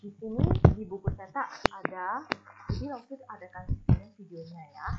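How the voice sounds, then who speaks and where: A woman teaching a recorded Mandarin class, explaining slowly and modeling examples aloud. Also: medium pitch, very noisy. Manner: slow, deliberate explanations with spoken examples. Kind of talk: recorded online class lesson. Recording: dull lo-fi recording.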